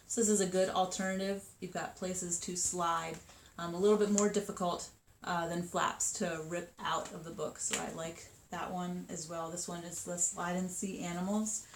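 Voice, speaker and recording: A woman's voice: on the low side, little pitch movement, moderate pace. Chatty woman in an echoey room. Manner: chatty, upbeat, many ums. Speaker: children's book seller. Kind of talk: casual book showcase. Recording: echoey room with faint noise.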